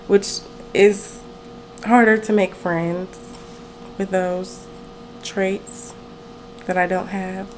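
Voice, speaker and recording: A woman's voice: mid-range voice, slight background noise, low-quality recording. A nineteen-year-old woman telling a story on her own podcast, chatty and rambling, often correcting herself mid-sentence. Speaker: podcast host. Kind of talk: casual storytelling.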